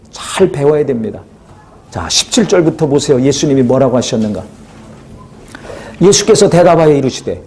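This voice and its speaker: A man's voice: on the high side, warm tone. A male pastor preaching a sermon, putting rhetorical questions to the congregation.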